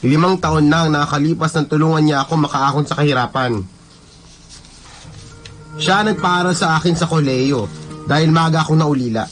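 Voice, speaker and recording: A man narrating a love story in the first person on a radio drama program, with music behind him. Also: fairly high pitch.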